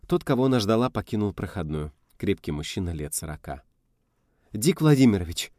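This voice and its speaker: A man narrates a novel in a low voice, his intonation rising and falling as he tells the story. The recording is dry and close, with no room sound. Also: quick pace, no echo. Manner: even, storytelling. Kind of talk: audiobook narration.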